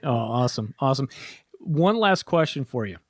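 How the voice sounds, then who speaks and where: Male podcast host, mid-pitched, easygoing questioner. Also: big pitch swings, moderate pace. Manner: brief affirming interjections, friendly questions. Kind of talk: casual interview.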